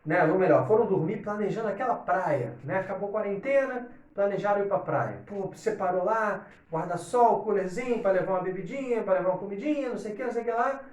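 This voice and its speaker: A man's voice: sits high, fast, hardly any pauses, darkish tone. A man teaching an English lesson to Portuguese speakers, explaining step by step and often checking in with his students. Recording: echoey room, distant from mic.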